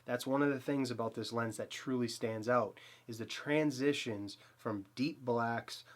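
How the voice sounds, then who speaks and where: At a measured pace and medium pitch, a photography channel host in his thirties, Boston accent and all, eagerly reviews a portrait lens to camera. It's a casual, rambling talk with fillers and restarts, recorded in his small, dim home studio.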